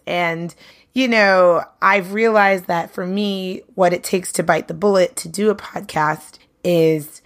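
A young adult woman from Brooklyn, New York, with a lowish, slightly bright voice, hosts her own podcast. She's a singer and bandleader delivering a casual solo monologue that's chatty and upbeat and full of "you know"s.

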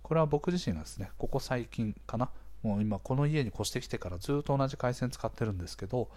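A man with a slightly hoarse voice hosts a casual explainer, talking conversationally to listeners and often checking in with small interjections. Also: mid-range voice, animated, quick pace, darkish tone. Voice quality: hoarse, gravelly-sounding voice. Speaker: podcast host.

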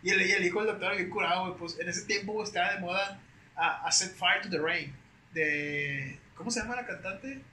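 A young man with a Mexican accent, a podcast guest telling stories in a slangy, animated, casual way. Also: sits high, fairly quick. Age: young adult. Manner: slangy, animated, peppers speech with güey. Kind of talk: casual storytelling chat. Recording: roomy echo with faint hiss.

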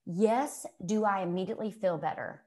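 A woman's voice: mid-range voice, normal speed. Emphatic woman with a Mississippi Southern accent. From Mississippi, United States. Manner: animated, emphatic, quotes herself and others. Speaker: guest. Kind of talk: casual conversational storytelling.

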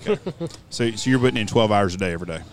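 A man's voice: fairly low pitch, rapid-fire. A man co-hosting a casual podcast interview, asking blunt, pushy questions. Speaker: podcast co-host.

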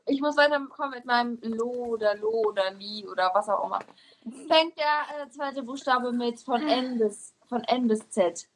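A young woman co-hosting a casual guessing-game podcast, competitive and stubborn, musing aloud in drawn-out syllables. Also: fairly high pitch, a little hiss or hum. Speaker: co-host playing a guessing game.

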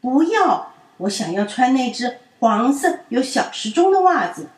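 A woman gives voice to a sulky small child who refuses everything, whiny and insistent and loud, pitched high. It sounds roomy and a little far away. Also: very animated, measured pace. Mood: stubborn.

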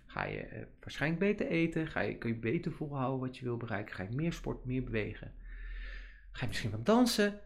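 Man, thirties, podcast host, casual rambling monologue, lively swings in loudness. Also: fairly high pitch, gravelly. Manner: chatty, rambling, many fillers and restarts.

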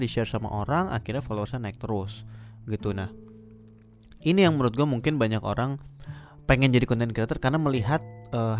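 A man hosts a casual solo podcast over background music. He speaks with a slight lisp that slurs his r sounds. He often circles back and rephrases as he gives his opinions. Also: mid-range voice. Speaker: podcast host.

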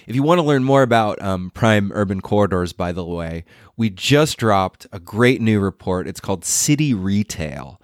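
Low-voiced man, stuffed up with a cold. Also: animated, normal speed, no echo, clean studio sound. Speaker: podcast host. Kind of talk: scripted podcast segment.

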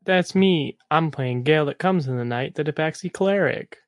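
A man's voice: fairly high pitch, normal speed, dry recording. A man playing in a tabletop game podcast, dry and teasing. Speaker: player. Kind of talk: casual chat among players.

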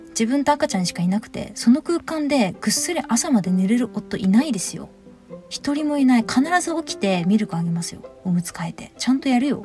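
A woman hosting a podcast, giving frank, lively marriage advice in a casual monologue and acting out quotes with big swings in pitch.

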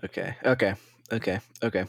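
Male podcast host, low-ish voice, jokey and rambling, dry close sound. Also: fairly quick, vocal fry, no echo. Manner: joking, rambling, tired. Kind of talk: casual podcast chat.

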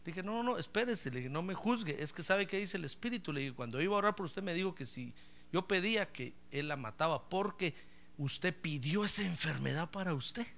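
A man's voice: high-pitched, animated, fairly quick, vocal fry, fairly bright tone. A middle-aged man, a pastor, preaching a sermon and acting out both sides of a story's dialogue, calling his listeners brother. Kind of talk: sermon with acted anecdote.

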